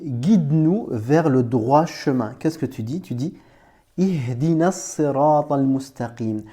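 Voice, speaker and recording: Male teacher, warm mellow tone, patient and repetitive, friendly one-to-one lesson delivery. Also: fairly high pitch. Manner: patient, repeats points, talks to learner as tu; playful memory images for letters. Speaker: Arabic reading teacher. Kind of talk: informal explanatory lesson.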